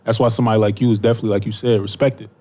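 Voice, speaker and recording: A man hosting a casual podcast, asking questions in a relaxed way with plenty of encouraging "mm-hmm"s. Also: lowish voice, racing. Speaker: podcast host. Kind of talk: casual interview chat.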